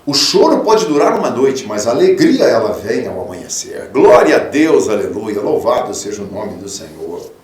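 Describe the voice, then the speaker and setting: A man, a pastor, preaching a radio sermon, fatherly and emphatic, swinging from loud peaks to soft low tones. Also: expressive, normal speed, roomy sound, far from the mic. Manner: fatherly, calls listeners 'filho'. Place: radio studio.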